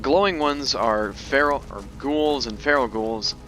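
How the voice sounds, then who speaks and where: A man with a mid-pitched voice gives casual gameplay commentary. He is informal and jokey, explaining as he goes, with game music clearly audible behind him. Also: unhurried, a bit bright, low-quality recording. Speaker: video game streamer. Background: video game music and sounds.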